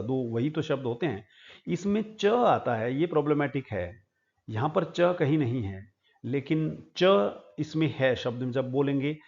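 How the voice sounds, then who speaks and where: A man from India, teaching English pronunciation in a slow lesson and repeating each word several times. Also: on the high side, a little mellow, highs cut off.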